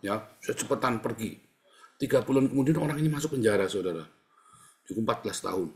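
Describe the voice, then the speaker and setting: A man from Indonesia, a pastor preaching a sermon as personal testimony. He keeps turning to the congregation and swings between quiet low asides and loud, raised exhortation. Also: fast talker. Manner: animated testimony, repeatedly addressing the congregation as brothers and sisters.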